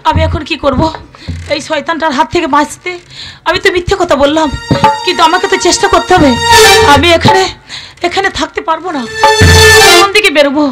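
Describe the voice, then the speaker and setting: Very high-pitched, distressed young village heroine. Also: female voice, fairly quick, pauses often, loud music behind the voice. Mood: desperate. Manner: theatrical, emphatic, repeating phrases. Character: distressed, crafty young village woman pleading for escape. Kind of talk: Bengali folk stage melodrama. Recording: very loud live musical accompaniment.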